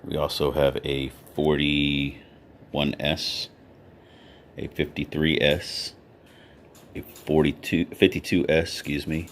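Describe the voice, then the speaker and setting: This coin-collecting vlogger has a very deep, fairly flat voice and speaks slowly with long pauses, reading coin dates in turn as he sorts them in a relaxed, casual way. A little hiss or hum sits under the recording.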